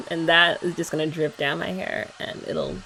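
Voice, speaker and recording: Chatting as a teasing girlfriend having her hair dried, a young ASMR creator speaks softly at a moderate pace. Her low, creaky voice holds a steady tone, the audio is poor, and a hair dryer is faintly audible in the background.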